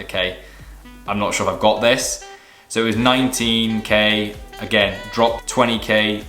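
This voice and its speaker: A man's voice: on the low side, bright, forceful tone. A young man giving a casual, matter-of-fact vlog recap in a conversational way. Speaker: vlogger and amateur runner. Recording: roomy echo, music behind.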